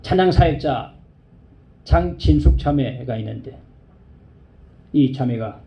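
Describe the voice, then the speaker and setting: Guy preaching, mellow and high, voice swinging way up and down as he tells the story. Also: expressive, takes it slowly, creaky. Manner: emotive preaching, swings from low storytelling to high pleading cries. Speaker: pastor. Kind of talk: sermon.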